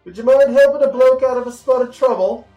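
Muffled through a wall, man voicing a chipper genteel prisoner, high put-on voice, distant. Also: fast talker, dark tone, echoey room, faint music behind. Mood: courteous. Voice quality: jolly, genteel mock-British phrasing. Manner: muffled speech from behind a wall, mouth covered by a hand. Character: chipper, polite male prisoner in a cell.

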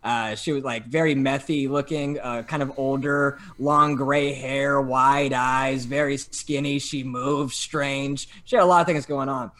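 A young man telling a story in casual chat, animated and full of fillers and restarts. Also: mid-range voice, a little slow, few pauses. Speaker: podcast guest telling a story.

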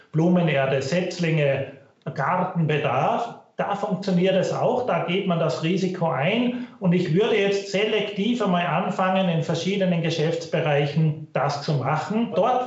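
Expert interviewee, male, careful explanatory delivery; low-quality stream, heavy room echo, muffled sound. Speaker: guest expert, finance professor. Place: recorded remotely over online stream.

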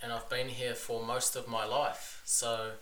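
A New Zealand man with a matching accent, a business owner appearing as a podcast guest, chats casually and frankly in a laid-back interview. His mid-range voice is level, unhurried and a bit bright, recorded on a distant mic with roomy echo and faint hiss.

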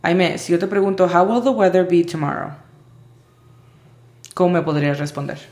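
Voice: mid-range voice, normal speed, darkish tone. A language teacher giving a spoken lesson, patiently spelling out sounds letter by letter. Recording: roomy echo.

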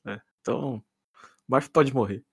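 A man's voice: mid-range voice, moderate pace, breathy edge. A man with a Brazilian accent chatting casually as a podcast co-host in an informal, joking way. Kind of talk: casual chat.

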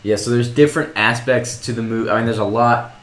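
A man's voice: medium pitch, a little fast. A young man co-hosting a podcast, talking casually and rambling through explanations. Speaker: podcast co-host. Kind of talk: casual chat. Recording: roomy echo.

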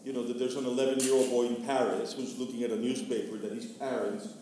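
A Venezuelan man with a mellow, medium-pitched voice speaks quickly in a level tone, recorded from a distance in a very echoey room with faint noise. He is a theatre artist on a panel, discussing a play thoughtfully.

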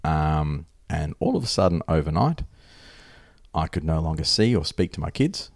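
An Australian man talks casually as a podcast co-host, with a blunt, sweary way of putting things. His voice is deep, recorded dry with no room sound. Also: big pitch swings, normal speed, vocal fry, no echo. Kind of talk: casual conversational storytelling.

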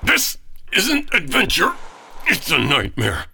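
A weary-witted 1940s writer in a noir radio comedy, dry and exasperated. His voice is forceful and swings widely in pitch, over noticeable background noise. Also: huge pitch swings, slow pace, creaky, full character voice. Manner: dry, sarcastic, formal. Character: exasperated, sardonic 1940s male writer dragged into trouble.

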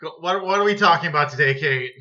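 Bright, jokey man podcast host. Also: fairly high pitch, fast. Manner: jokey, playful, teasing. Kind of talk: casual chat. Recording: dull lo-fi sound.

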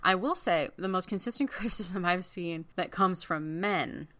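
Low, bright-toned analytical co-host woman. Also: normal speed. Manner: thoughtful, analytical, with easy laughs. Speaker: podcast co-host. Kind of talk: casual film-discussion chat.

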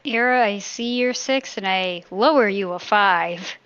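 A woman playing a tabletop game, speaking in a brisk, matter-of-fact way. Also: mid-range voice, a bit bright, smooth, no room sound. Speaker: player. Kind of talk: casual tabletop play. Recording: dry, slightly dull close mic.

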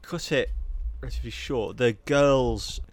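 A man's voice: mid-range voice, measured pace, dry recording. A young man, by the sound of his talk, reviewing a horror sequel in a casual chat, candid and rambling, swearing now and then. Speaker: podcast co-host.

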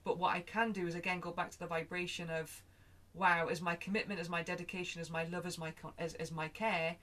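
A woman's voice: on the low side, fairly bright tone. A woman, speaking as a guest in a reflective conversation, thinking aloud with restarts and quoted asides. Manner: acts out her own thoughts in quoted asides.

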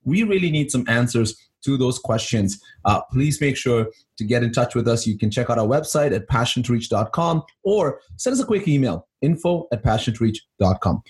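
In a Toronto office, a man co-hosts a ministry podcast, chatty and upbeat, with plenty of fillers and restarts. His mid-range voice is lively in intonation and a little mellow, moving at a moderate pace with few pauses.

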